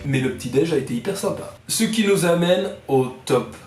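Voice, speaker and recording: A young man telling comic anecdotes in a vlog, animated, with lots of fillers and put-on voices. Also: fairly high pitch, a little fast. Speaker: vlogger. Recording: roomy echo, distant mic, music behind.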